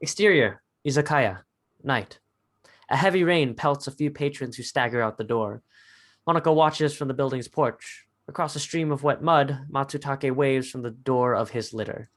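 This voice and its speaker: A man with a medium-pitched voice reads scripted stage directions as the narrator of a dramatic reading, speaking at a normal speed.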